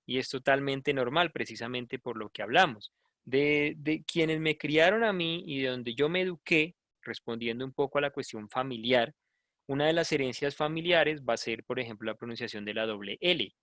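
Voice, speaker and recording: A Colombian man teaches a language class online, lecturing conversationally and often checking in with tag questions. His mid-range voice is fairly bright at a moderate pace, recorded clean in a studio with no room sound.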